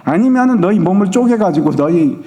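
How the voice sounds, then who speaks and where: A man's voice: sits high, lively intonation, a little fast, mellow. A pastor acting out a furious ancient king who barks threats at his advisers, in a long church hall reverb. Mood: angry. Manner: blustering, barking orders.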